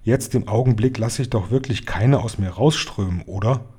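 A man's voice: on the low side, normal speed, mellow, slightly rough. A man doing an anxious, curious little boy. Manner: eager, protesting questions.

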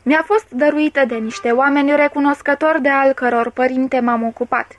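A woman's voice: high voice, steady tone, lo-fi sound, close to an everyday voice. A woman reading a sinister, jovial male doctor with a metallic voice and an offhand, mocking manner, in an audiobook.

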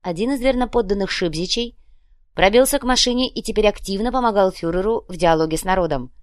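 Brief: woman audiobook narrator, steady storytelling, close dry recording. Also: medium pitch, quick pace, no echo. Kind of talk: scripted narration.

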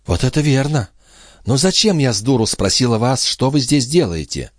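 Guy doing a young maid in an audiobook, indignant, shrill, lively and up and down. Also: normal speed, no echo, studio quality. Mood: threatening. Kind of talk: audiobook character reading.

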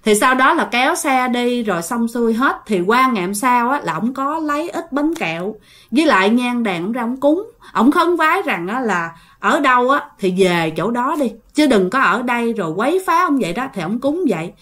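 A woman's voice: fairly high pitch, normal speed. A woman telling a ghost story, speaking straight to her listeners. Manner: animated, addresses listeners directly.

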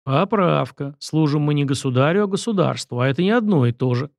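A man's voice: on the high side, a little fast, gravelly, no echo, studio quality. A man voicing a young nobleman who talks bluntly and dismissively. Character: young male nobleman, blunt and self-assured.

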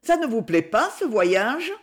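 A spiteful, mocking young woman, put on by a woman reading an audiobook, talks in a high, shrill voice. Her lines jump about full of sneers. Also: sing-song, measured pace. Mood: teasing.

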